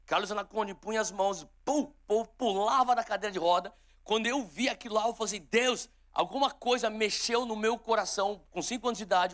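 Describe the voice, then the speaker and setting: Leading prayer and preaching a live sermon, this forties-aged pastor from São Paulo uses a high, fairly bright voice with a São Paulo Brazilian Portuguese accent. He exhorts fervently and frequently starts over, his words filling a big church auditorium before a live crowd.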